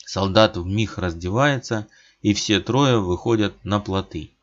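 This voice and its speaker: Man reading a classic novel aloud, lowish voice, steady pace, muffled lo-fi audio. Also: unhurried. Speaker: audiobook narrator. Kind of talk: literary audiobook narration. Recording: dull lo-fi audiobook recording.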